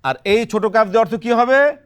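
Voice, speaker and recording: The voice of this Quran teacher is smooth, steady, and medium in pitch as the teacher runs a children's pronunciation lesson in a TV studio. Patient and encouraging, the teacher keeps quizzing the kids and checking with "right?".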